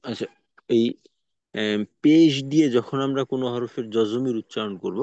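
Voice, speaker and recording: A man teaching Quran recitation in an online lesson, explaining slowly and patiently with pauses. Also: mid-range voice, warm tone, dry recording, dull audio.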